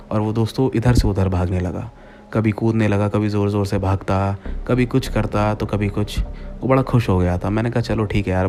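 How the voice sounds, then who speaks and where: A man's voice: on the low side, a little mellow, slight background noise. A man narrating a first-person horror story to his listeners, speaking to them as friends and acting out his own lines.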